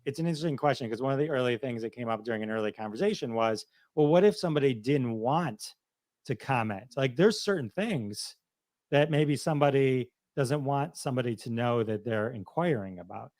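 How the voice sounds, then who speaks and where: A man's voice: mid-range voice, lively intonation, brisk, darkish tone, no echo. Rambling man explaining casually, dry sound. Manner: rambling, self-correcting, laughs easily. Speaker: podcast guest, software founder.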